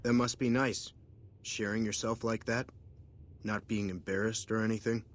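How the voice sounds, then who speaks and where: A man's voice: lowish voice, flat delivery, normal speed, natural voice. An actor playing a shy, awkward male mechanic in a video game, bashful and hesitant. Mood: bashful, nervous. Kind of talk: video game character dialogue.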